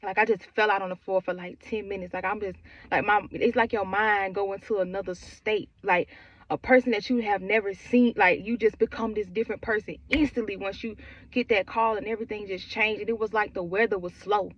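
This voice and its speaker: A woman's voice: medium pitch, fairly even intonation, a little fast, dry recording, lo-fi sound. A woman in her twenties telling her own grief story in a raw, conversational way, repeating herself and filling with "like". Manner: raw, repetitive, conversational with many "like" fillers. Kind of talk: emotional personal storytelling.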